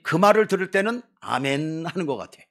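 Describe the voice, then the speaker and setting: A man's voice: a little high, expressive, a little fast, fairly bright tone. A man preaching a sermon as a missionary pastor, emphatic, full of rhetorical questions and playful asides to his congregation in a church. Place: church sanctuary before a congregation.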